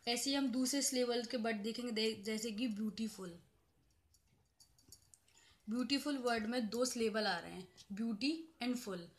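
A woman professor giving a grammar lecture, explaining step by step and repeating each example slowly, with English terms mixed into her explanation. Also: a little high.

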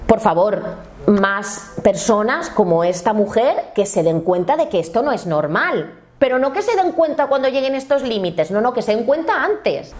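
A woman's voice: on the high side, big pitch swings, normal speed. A woman with an accent from Spain hosting an opinionated commentary, blunt and indignant, talking straight to her viewers. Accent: Spain Spanish. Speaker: commentary channel host.

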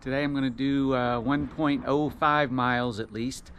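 A man's voice: medium pitch, fairly even intonation, moderate pace, a bit bright. A middle-aged man chatting casually as he walks residential streets, recorded on an action camera. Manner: chatty, offhand remarks while walking. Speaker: walking vlogger. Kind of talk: casual walking commentary. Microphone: action camera held or worn. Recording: dull lo-fi outdoor audio with traffic noise. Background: street and traffic noise.

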